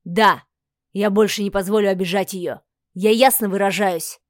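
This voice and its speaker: A grim, protective man growls his threats low and firm, as a woman narrating puts him on. The sound is dry and close, as in an audiobook. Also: steady tone, moderate pace, dry recording, lightly acted. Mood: menacing. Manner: menacing, firm. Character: stern, protective half-blood man.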